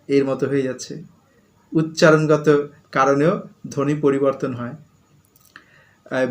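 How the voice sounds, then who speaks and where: Guy teacher going over a grammar lesson, kinda high voice, says things twice with examples. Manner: explains slowly and repeats key phrases, with examples. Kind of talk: spoken grammar lesson for school students.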